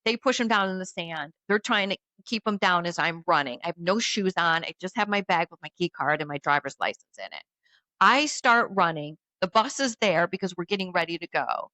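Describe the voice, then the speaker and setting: Bright-voiced woman telling a story. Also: fairly low pitch, a little fast, no echo. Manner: animated, acts out quoted voices. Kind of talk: casual storytelling.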